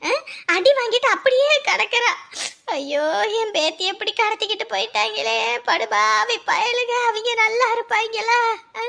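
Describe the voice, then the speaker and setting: A woman's voice: very high voice, fairly bright tone, exaggerated voice. An actress playing a fierce, protective village grandmother who scolds and exclaims in rural colloquial speech. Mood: scolding, then lamenting. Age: older. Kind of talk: TV serial acting.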